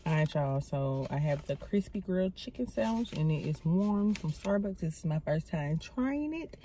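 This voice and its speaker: Chatty low-voiced woman vlogging from her car. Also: expressive, normal speed, background noise. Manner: chatty, addresses viewers as y'all. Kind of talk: casual vlog chat. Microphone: phone camera.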